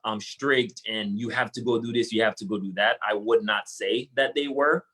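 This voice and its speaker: A man's voice: on the low side, steady tone, moderate pace, fairly bright tone, husky, poor audio. A young man from Haiti, a guest entrepreneur, talking casually and earnestly with many fillers and restarts in an interview. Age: young adult.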